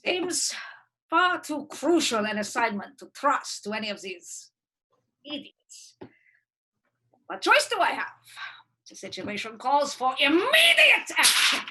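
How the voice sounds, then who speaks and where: A woman's voice: high voice, very animated, slow, pauses often, bright, forceful tone, slight background noise, full character voice, rough recording. A woman voicing a scheming female mad-scientist witch doctor in a livestream script reading, theatrical and gloating with sinister chuckles. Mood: plotting.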